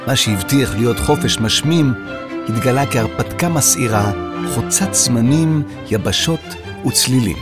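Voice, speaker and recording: A man narrating a children's audio story in an expressive storytelling manner. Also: medium pitch, over loud music.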